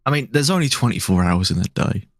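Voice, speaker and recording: A man chatting as a guest commentator, thinking out loud and floating ideas with many restarts. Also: medium pitch, animated, fast talker, no echo, studio quality. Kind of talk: casual chat.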